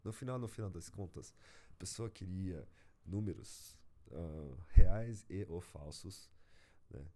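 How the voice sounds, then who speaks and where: An exasperated agency owner, fed up with his clients, vents in slangy, casual speech. His deep, mellow voice takes its time and carries a Brazilian Portuguese accent, and he comes across as frustrated.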